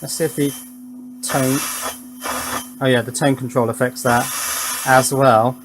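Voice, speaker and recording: This presenter speaks in a flat, medium-pitched voice at a measured pace. He's a hobbyist walking through electronics work in a relaxed, hands-on way, musing to himself as he goes.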